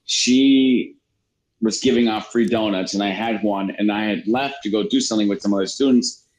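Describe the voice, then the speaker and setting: A man's voice: fairly low pitch, moderate pace, a little mellow, poor audio. A man telling a childhood story in casual, profane podcast chat. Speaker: podcast guest.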